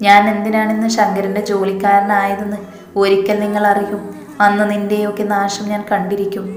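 A woman's voice: medium pitch, completely flat delivery, moderate pace, natural voice. A woman voicing a spiteful, sneering young henchman bent on revenge, in an echoey room. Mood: vengeful.

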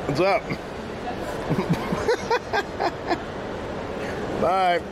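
A man's voice: sits high, huge pitch swings, drawn-out words, a loud crowd, very noisy. A young man streaming while he walks through a big indoor mall, joking and rambling with many restarts, recorded on a shoulder-mounted camera. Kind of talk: casual walking vlog. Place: large indoor shopping mall. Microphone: camera on a shoulder rig.

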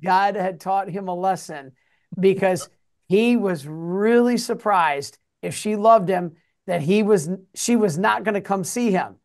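Halting, storytelling priest, a man. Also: high-pitched, darkish tone. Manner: halting, with many fillers and restarts. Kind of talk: animated storytelling in a chat.

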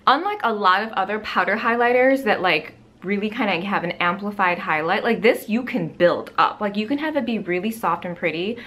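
A woman's voice: medium pitch, lively intonation, a little fast, few pauses, sharp tone. Woman beauty vlogger, thirties, chatty and gushing, filler-heavy, home room, camera in front. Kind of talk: casual product review. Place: bright home room with plants.

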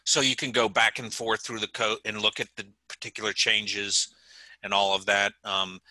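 A man presenting a coding session over a video call, friendly and agreeable, clearing his throat from coughing fits. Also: on the low side, flat delivery, normal speed, pushed and bright, dry recording, rough recording. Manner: friendly, agreeable, frequent brief acknowledgments. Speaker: meetup presenter.

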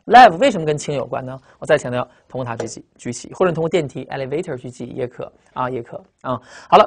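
Vocabulary teacher, recorded lecture, very fast delivery, emphatic, drawn-out phrase endings. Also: medium pitch. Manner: brisk, emphatic, ends phrases with drawn-out particles.

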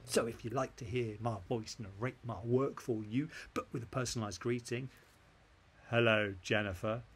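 A man's voice: mid-range voice, fairly even intonation, moderate pace, a little mellow, slightly rough. An English man and author talking in a casual, profane, joking vlog monologue. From England.

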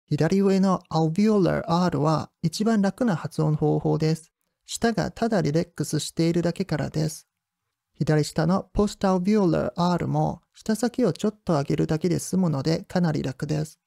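A host walks through a pronunciation lesson step by step, pausing to draw out example sounds. The voice is gravelly and warm rather than bright. It is recorded close and dry, with no room sound. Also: medium pitch, no echo. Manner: calm step-by-step explanation with drawn-out sound demonstrations.

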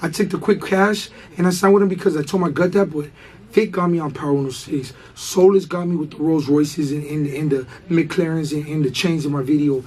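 Young la dude, hoarse and husky, rambling slangy chat, kinda high voice. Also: male voice, steady tone, brisk, darkish tone, low-quality recording. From Baldwin Park, Los Angeles. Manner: rambling, slangy, many fillers and restarts. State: hoarse, losing his voice. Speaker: rapper guest. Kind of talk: casual interview chat.

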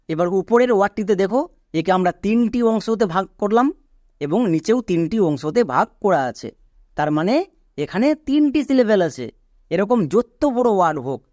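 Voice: mid-range voice, darkish tone, dry recording, clean studio sound. A teacher, giving an online grammar lesson step by step and quizzing the viewer with questions. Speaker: English teacher.

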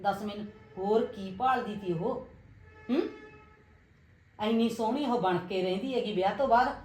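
An actress playing a scheming, meddlesome aunt who coaxes and bosses a young bride. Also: female voice, medium pitch, normal speed, a little mellow, reverberant, natural voice. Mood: coaxing. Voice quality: bossy, coaxing. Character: scheming gossiping aunt, meddlesome older woman. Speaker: aunt (chachi) giving advice. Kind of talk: village family drama acting.

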